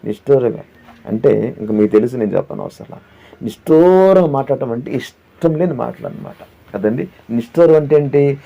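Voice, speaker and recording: A man's voice: medium pitch, lively intonation, moderate pace, gravelly, dark tone. A man pastor preaching a sermon who asks the listeners questions, repeats his phrases and sings hymn lines. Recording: dull lo-fi audio with faint background.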